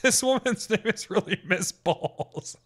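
A man's voice: sits high, expressive, unhurried, fairly bright tone, slight background noise. An American man doing casual, joking, profane live reaction commentary as a streamer. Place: indoor home streaming room.

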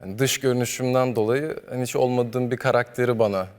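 A young man in his twenties, a studio guest answering questions modestly and softly. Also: mid-range voice, steady tone, quick pace, clean tone. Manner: modest and soft-spoken, sings softly. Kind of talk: interview answers. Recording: long studio reverb.

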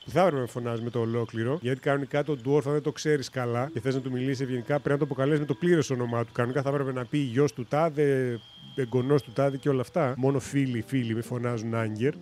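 A man's voice: mid-range voice, steady tone, a little mellow, a little hiss or hum. Man casually thinking aloud over a game. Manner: thinks aloud, lists options, jokes and teases. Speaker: gaming streamer. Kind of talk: casual let's-play commentary.

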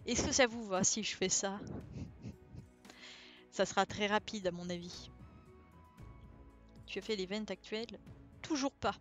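A woman streamer reading a storybook aloud and chatting casually with viewers, relaxed and thinking aloud with many fillers. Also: medium pitch, unhurried, pauses often. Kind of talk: casual live-stream chat and read-aloud. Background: faint background music.

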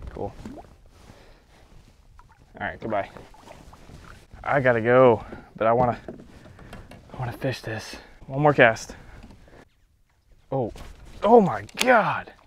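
A boat-mounted action camera captures a young man's casual vlog narration as he fishes from a kayak on an open lake, talking to himself and the fish and occasionally laughing. His voice is medium-pitched and a bit bright, with a little hiss or hum.

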